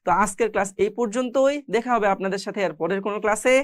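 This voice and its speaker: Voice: medium pitch, no room sound. Patient teacher spelling out Quran letters. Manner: spells out letters and vowel marks one by one, then slowly draws out each word; patient, explanatory, addressing viewers directly. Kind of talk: step-by-step recitation lesson.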